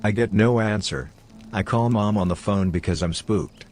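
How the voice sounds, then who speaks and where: A man giving a steady first-person narration of online horror stories. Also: lowish voice, normal speed, faint music behind.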